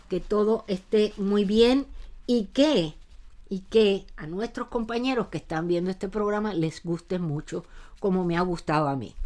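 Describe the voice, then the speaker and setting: Halting woman host introducing a guest. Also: mid-range voice. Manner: halting, self-correcting. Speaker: program host.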